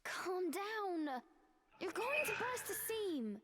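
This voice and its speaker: A woman voicing a timid but determined young witch girl in a game, speaking softly and earnestly. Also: extremely high pitch, big pitch swings, slow, no room sound, heavily acted. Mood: reassuring. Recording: game audio with music behind. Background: music.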